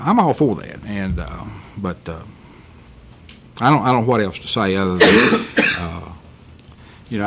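A man's voice: fairly low pitch, a little hiss or hum. A middle-aged man, a county commissioner speaking candidly and rambling a bit in a meeting chamber. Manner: candid, rambling, self-correcting storyteller. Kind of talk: public meeting remarks.

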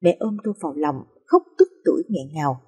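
Soft breathy woman telling sad stories. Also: fast. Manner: soft, emotional storytelling with lively pitch. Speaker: storyteller. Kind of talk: scripted narration of sad life stories.

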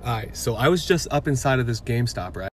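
A man's voice: medium pitch, animated, fast talker, slight background noise. A young man telling a brash, crude comic story with lots of swagger.

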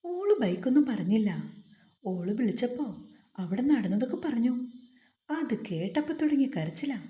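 Fussy middle-aged woman with a Malabar dialect read by a woman; slightly high, mellow voice, roomy echo. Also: sing-song, normal speed, highs cut off. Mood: worried. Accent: Malabar Malayalam dialect.

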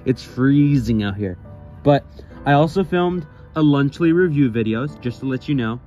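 A man's voice: medium pitch, expressive, moderate pace, dark tone, lo-fi sound, faint music behind. A young man chatting casually to his fans outdoors, shivering from the cold, rambling and joking at his own expense. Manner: rambling, self-mocking, jokey. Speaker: YouTube creator. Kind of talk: casual vlog greeting to fans.

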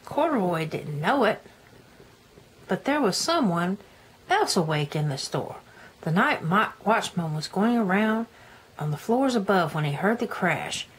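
A woman's voice: mid-range voice, very animated, unhurried, rough recording. An older woman with a grandmotherly, folksy manner reads a children's story aloud and chats to the listener in homely asides. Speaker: storybook reader, a granny. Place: indoors, book held in front of camera. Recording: noticeable room noise.

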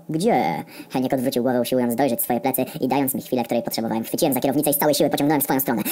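Fast, dark-voiced deadpan male storyteller. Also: mid-range voice. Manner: deadpan, wry storytelling with frequent swearing. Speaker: narrator. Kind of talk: comedic story narration.

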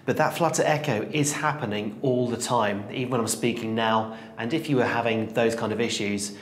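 A man's voice: mid-range voice, slight background noise. Man speaking in a stairwell with flutter echo. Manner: calm, measured, explanatory. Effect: flutter echo from the stairwell walls. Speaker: applications engineer. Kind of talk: technical explainer. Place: bare stairwell with hard parallel walls.

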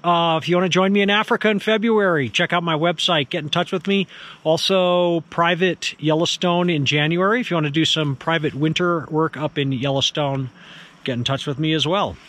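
A wildlife photographer chatting casually in a vlog, relaxed and self-deprecating, out in a rocky field at dusk. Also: male voice, on the high side, normal speed.

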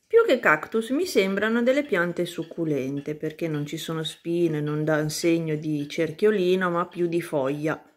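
A woman vlogging casually about her seedlings, pausing often to search for words as she films with a handheld phone. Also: sits low. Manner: hesitant, searches for words, many fillers. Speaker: plant vlogger. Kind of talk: casual how-to chat.

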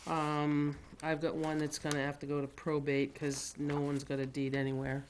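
A woman's voice: low voice, monotone, moderate pace. A woman at a town meeting, practically organizing a task and thinking aloud with fillers. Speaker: town official at a selectmen meeting. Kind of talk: casual meeting discussion. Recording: faint background noise, broadcast meeting.

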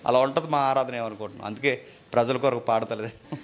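A male pastor preaching a sermon, moving between forceful shouted rebukes and low, mocking asides. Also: fairly even intonation, fast talker, a little hiss or hum.

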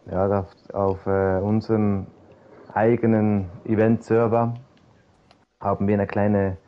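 A man's voice: fairly low pitch, takes it slowly. A man organizing a game server event, chatting casually with fillers over voice chat while playing. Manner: relaxed, chatty, hesitant with fillers. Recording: dull lo-fi voice chat.

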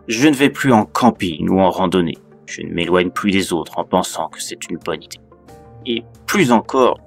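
A man's voice: low-pitched, gravelly. A man reading a first-person horror story in a dramatic storytelling style. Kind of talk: creepypasta narration. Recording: narration over loud music.

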